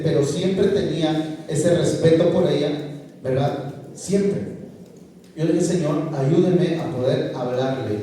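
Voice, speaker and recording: A man's voice: a little high, dark tone, slight background noise. A man giving an earnest personal testimony to a congregation, often checking in with "¿verdad?" as he tells his story. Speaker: church member giving a testimony. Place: large church hall. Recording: echoey hall from far off.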